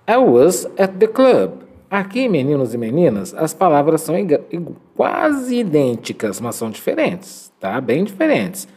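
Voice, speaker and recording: A man teaching English to Portuguese speakers in a recorded lesson, slowly modeling phrases for students to repeat. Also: on the high side, wildly swooping pitch, dark tone, husky. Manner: slow, drawn-out modeling of English phrases for repetition.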